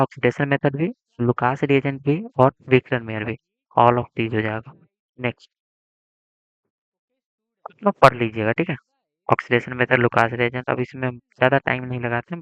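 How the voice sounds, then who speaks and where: A man's voice: medium pitch, clear, resonant tone, no echo. Man teaching chemistry, quizzing his students. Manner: repeats questions and prompts students to answer. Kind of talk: board exam lesson. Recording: dry, dull lo-fi sound.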